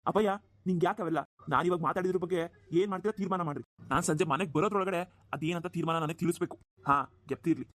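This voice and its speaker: A man's voice: high voice, very fast, fairly bright tone. A man voicing a stubborn, callous young village husband who drinks, in a cartoon, talking dismissively. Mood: defiant. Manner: dismissive, defiant. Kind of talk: cartoon dubbing.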